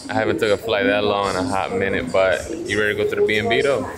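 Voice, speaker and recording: A man's voice: fairly low pitch, steady tone, fast talker, over loud music. A man, chatting casually and with slang to the camera while vlogging a family trip. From Southern US (Atlanta). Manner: laid-back, slangy, talks to camera. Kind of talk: casual travel vlog chat. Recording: loud background noise while traveling.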